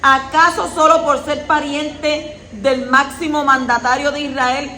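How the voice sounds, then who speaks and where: A woman reading and teaching a weekly Torah portion in a measured tone, adding brief explanatory asides. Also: high-pitched, level tone, pushed and bright, roomy sound, a little hiss or hum, low-quality recording. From Puerto Rico.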